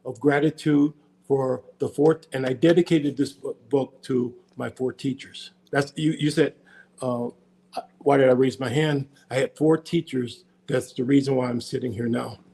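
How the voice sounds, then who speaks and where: A man's voice: medium pitch, fairly even intonation, moderate pace, mellow. An older American man, a podcast guest, talking in a rambling, casual way and often repeating and restarting his words. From United States. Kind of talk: casual interview chat.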